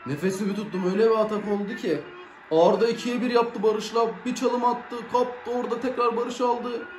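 A man giving live reaction commentary on a football match, excitable, swinging between shouting and grumbling, in casual slang. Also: high voice, brisk, faint music behind. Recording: echoey room.

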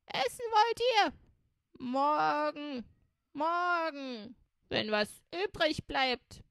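A woman voicing a greedy, bossy old woman in a children's storybook, scolding in a shrill voice. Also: vocal fry, a bit bright, no room sound, clean studio sound, full character voice.

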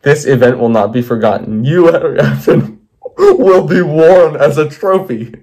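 A man voicing a vengeful male robot servant who yells and mocks. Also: on the high side, a little slow. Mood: gloating. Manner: mocking, yelling.

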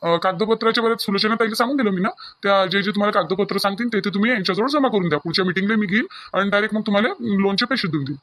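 A man voicing a rapid-talking village loan officer. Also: high-pitched, a bit bright, dry recording, clean studio sound. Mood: businesslike. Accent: Varhadi Marathi. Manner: businesslike, explaining terms.

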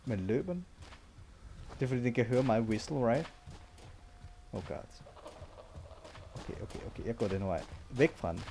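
A man's voice: mid-range voice, expressive, gravelly, pauses often, a little mellow, slight background noise. A young man with a Danish accent giving casual, jumpy commentary while playing a horror game, slipping English slang into his talk. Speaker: gaming YouTuber.

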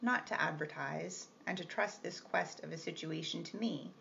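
A woman reading the part of a brusque, teasing gentleman employer with a gruff, commanding manner. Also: on the high side, moderate pace, exaggerated voice. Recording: slightly muffled with faint hiss.

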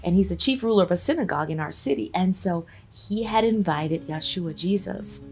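A woman's voice: fairly low pitch, lively intonation, a little fast, a little mellow, slightly rough. A woman playing the biblical woman healed after twelve years of bleeding, telling her story in an earnest, preacherly way and repeating phrases for emphasis. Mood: earnest testimony. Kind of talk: first-person dramatic testimony on a talk show.

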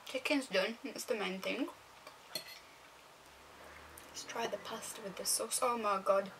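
A woman's voice: mid-range voice, a little slow, heavy background noise. A young woman vlogging casually from her home kitchen, chatty and apologetic as she talks to the camera. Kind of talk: casual vlog chat.

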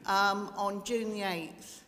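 Slow-spoken woman sharing in church. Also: medium pitch, steady tone, a bit bright. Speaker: congregation member sharing. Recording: reverberant church hall.

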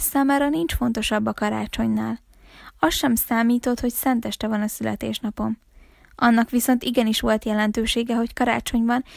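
Gravelly woman reading a novel aloud. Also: a little high, darkish tone, dry recording, studio quality. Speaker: library reader.

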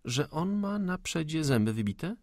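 A man voicing a proud young lady of the manor, calm, witty and unafraid, in an audiobook. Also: fairly high pitch, unhurried, dry recording, studio quality, voice pushed up. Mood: coaxing ironic. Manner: cool, ironic, unafraid.

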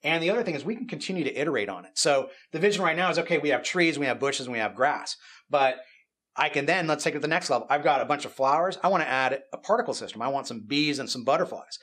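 A middle-aged man casually walking through a software tool demo in an office, explaining as he goes with frequent fillers. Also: a little high, animated, fast talker. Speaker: game studio technical artist demonstrating tools. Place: office at a desk with monitors.

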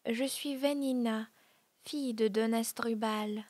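A woman voicing a passionate young noble Roman woman in a breathy, hushed whispered role-play. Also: on the high side, fairly even intonation, slow pace, dry recording. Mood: ardent.

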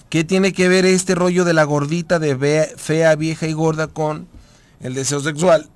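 A man with a Mexican accent hosting a live radio talk show as a couples therapist, telling stories emphatically with lots of repetition. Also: fairly high pitch. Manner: animated, emphatic storytelling with repetition. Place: radio studio booth.

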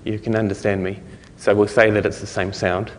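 Low-voiced New man lecturing, echoey hall. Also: flat delivery. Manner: halting, informal explanatory delivery with trailing thoughts. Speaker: conference speaker. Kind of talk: technical lecture to an audience. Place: conference lecture room, indoors. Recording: reverberant hall recording.

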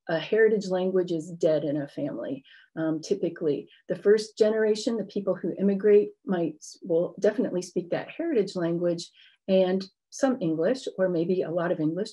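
Mellow, lower-voiced woman giving a lecture. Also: poor audio. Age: middle-aged. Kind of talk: academic lecture with slides. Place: indoor book-lined room at home.

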